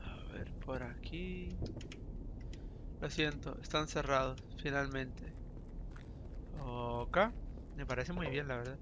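A man's voice: medium pitch, steady tone, takes it slowly, pauses often, noisy background. A man from with a sore throat, chatting casually through a let's play and reading the game's text aloud. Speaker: gaming YouTuber.

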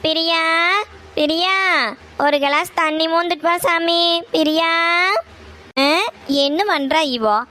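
Cartoon mother, middle-aged, Kongu Tamil accent, fairly high and scolding; voiced by a woman. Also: steady tone, slow pace, pauses often, a bit bright, exaggerated voice. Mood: nagging. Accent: Kongu Tamil (Coimbatore). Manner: nagging, scolds then coaxes. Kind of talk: cartoon voice acting.

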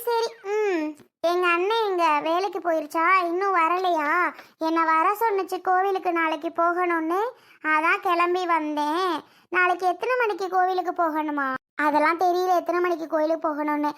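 Spiteful sister-in-law , played by a child, high-pitched, sharp, accusing. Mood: grudging. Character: spiteful woman, husband's sister, resentful. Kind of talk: homemade family drama.

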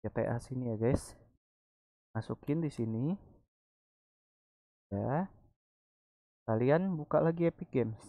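A man's voice: mid-range voice, slow pace, pauses often, warm tone, no room sound. A man with a colloquial Jakarta Indonesian accent who can't roll his r's, chatting casually through a screen-recorded tutorial. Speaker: tutorial presenter. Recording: dull, lo-fi microphone.

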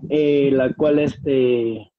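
This young Peruvian guest singer speaks extremely slowly, with a medium pitch and steady tone, as he answers interview questions via webcam. He sounds polite and hesitant, with a Peruvian Spanish accent, talking from a small room at home. The video-call recording is dull and dry.

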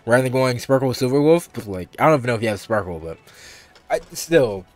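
A man's voice: medium pitch, expressive, fast, darkish tone, no echo. A man streaming a video game, chatting casually and thinking aloud, often restarting his sentences. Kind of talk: casual gaming commentary. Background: faint game music.

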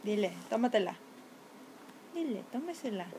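A woman's voice: fairly high pitch, very animated, normal speed, noisy background. A young woman, a mother, coaxing her toddler in playful, sing-song baby talk in a home video at home.

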